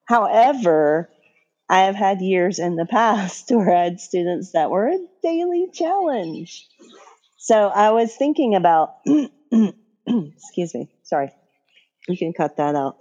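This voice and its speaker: A woman's voice: medium pitch, lively intonation, a little slow, darkish tone, lo-fi sound. A woman middle school teacher co-hosting a podcast, telling chatty anecdotes with laughs. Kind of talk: casual chat.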